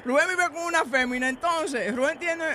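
Man with a strikingly high voice, spinning a crude joking story on a radio show. Studio chatter sounds behind him. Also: normal speed. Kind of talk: casual radio banter.

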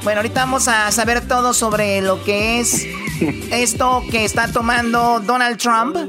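A woman's voice: fairly high pitch, flat delivery, music in the background. A woman co-hosting a radio show and introducing a guest. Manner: chatty, brisk. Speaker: radio co-host. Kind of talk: radio chat, translating a clip.

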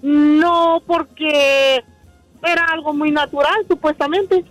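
A woman's voice: sits high, fairly even intonation, slow, faint music behind. A woman calling in to a radio show, telling her story in a frank, matter-of-fact way. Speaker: caller. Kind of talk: call-in story.

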